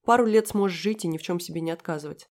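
A woman's voice: lowish voice, very fast, a little mellow, natural voice. A woman reading an audiobook, voicing a cold, contemptuous young man with a sneering, cutting manner. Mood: taunting.

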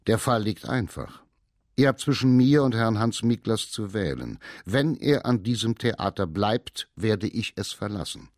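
A man's voice: medium pitch, very animated, no room sound, clean studio sound. A man doing an icy, haughty actor. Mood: menacing. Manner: slow, quiet and cutting. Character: cold haughty male actor, icily contemptuous.

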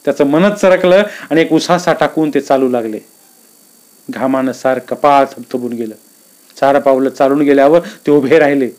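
A man reading a story aloud in a calm, measured, descriptive way. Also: mid-range voice.

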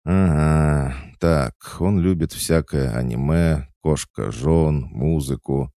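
A man's voice: very deep voice, takes it slowly, mellow, no echo, clean studio sound, voice pushed up, full character voice. A man voicing an eager, helpful young male student who heads a cooking club, in an audiobook. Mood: casual.

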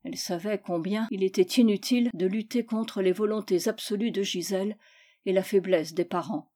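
A woman reading a classic children's novel aloud in a measured, expressive storytelling manner. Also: medium pitch. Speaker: reader. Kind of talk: scripted narration.

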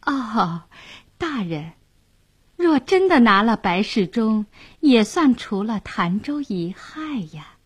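A woman voicing a clever, bold young wife who turns coy and flattering, pitched above her own voice. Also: takes it slowly, husky, dry recording, heavily acted. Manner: defiant, then coy and flattering.

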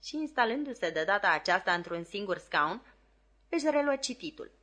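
A woman reads a classic novel aloud for an audiobook. Her voice is bright and crisp at a middle pitch. She tells the story clearly and expressively. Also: very animated. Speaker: audiobook reader.

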